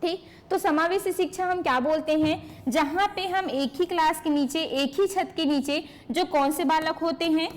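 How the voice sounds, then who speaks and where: A woman's voice: extremely high pitch, moderate pace, hardly any pauses. A woman teacher giving an exam-prep lecture to an online class, explaining by asking questions and answering them herself, and answering students by name.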